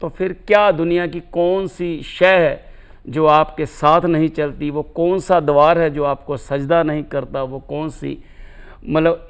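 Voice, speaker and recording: Middle-aged guy, kinda high clear voice, cartoonist guest getting all philosophical, quotes couplets. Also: fairly even intonation, unhurried. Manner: philosophical, lofty Urdu phrasing with couplets. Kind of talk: reflective interview talk.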